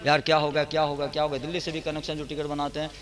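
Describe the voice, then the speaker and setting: A man preaching at a religious gathering, switching between loud, drawn-out chanted verses and conversational storytelling. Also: a little high, monotone. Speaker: Islamic preacher. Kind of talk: sermon with storytelling.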